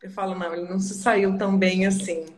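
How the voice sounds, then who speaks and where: A Brazilian woman hosting a live online talk, chatty and quick to laugh. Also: mid-range voice, little pitch movement, noisy background.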